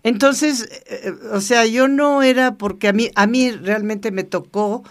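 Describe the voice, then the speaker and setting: An older woman tells personal stories as an interview guest. She talks in a lively, chatty way, laughing often and acting out the voices of the people she quotes. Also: a little high, unhurried. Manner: lively anecdotal storytelling, laughs often, acts out quoted dialogue. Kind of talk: casual storytelling interview.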